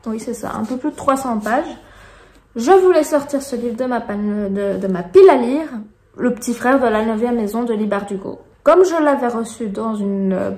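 Woman, 30s, Belgian French accent, casual book vlogger, frank and rambling, slightly high voice, recorded on a phone. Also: expressive, moderate pace, darkish tone, echoey room. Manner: chatty, frank, digressive with many fillers. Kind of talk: casual book review monologue. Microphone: phone camera.

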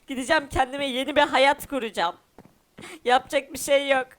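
A man's voice: very high-pitched, fairly even intonation, fairly quick, a bit bright. A man voicing a hurt, defiant runaway boy in a cartoon game parody, whiny and sulking, talking to viewers. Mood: sulky.

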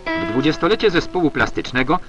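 A man's voice from an old newsreel, delivered in a formal, declamatory announcer manner with a lively, rising and falling pitch. The sound is dull and lo-fi like archival film audio, with clear music playing underneath. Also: fast talker. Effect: old 1970s newsreel narration. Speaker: newsreel narrator. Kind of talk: scripted documentary narration.

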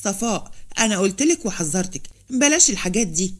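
Egyptian workshop owner woman, stern, placating, fast-talking, as a woman reads her. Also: medium pitch, sing-song. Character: workshop owner woman, pleading then scolding.

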